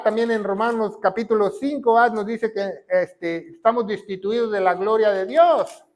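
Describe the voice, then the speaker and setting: A male pastor preaches a sermon, alternating loud, emphatic declarations with quiet, low lines and tossing in frequent tag questions.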